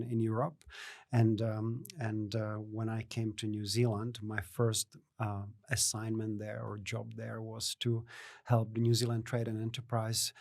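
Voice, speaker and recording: Czech man, middle-aged, flat delivery, dry close recording. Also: mid-range voice, no echo. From Czech Republic. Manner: measured, many fillers and restarts. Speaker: guest, innovation network CEO. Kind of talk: podcast interview.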